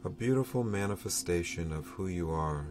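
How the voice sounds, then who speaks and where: A man leading a guided breathing meditation in a soothing, unhurried manner, leaving long pauses between phrases. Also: low voice, animated, over music. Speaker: meditation teacher.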